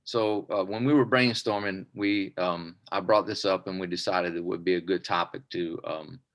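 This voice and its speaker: A man presenting for his student group over a video call, earnest and halting with many fillers. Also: sits low, fairly even intonation, a bit bright.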